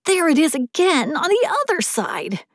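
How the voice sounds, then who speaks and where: A woman's voice: sits high, sing-song, normal speed, dry recording, clean studio sound, pitched above the performer's own voice. A woman voicing a naive, newly made male snowman in a storybook, eager and full of wondering questions.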